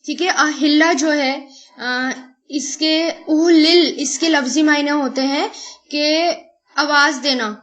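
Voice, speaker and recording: Woman, Quran teacher, high voice, word-by-word explanation, patient. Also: sharp tone. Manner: slow, explains each Arabic word, then glosses it in Urdu with English words mixed in; asks rhetorical questions to the listener. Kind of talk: word-by-word Arabic grammar and tafseer lesson.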